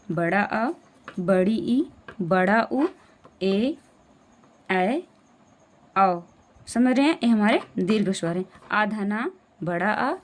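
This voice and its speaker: A woman's voice: mid-range voice, darkish tone. A woman teaching a classroom lesson, explaining step by step, asking questions back and checking understanding again and again.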